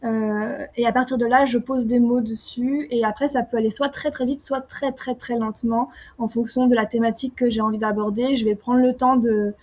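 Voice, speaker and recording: A young woman from France answering interview questions casually, often pausing with fillers and restarting her sentences. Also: a little high, steady tone, darkish tone. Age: young adult. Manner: hesitant, many fillers and restarts. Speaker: singer-songwriter guest.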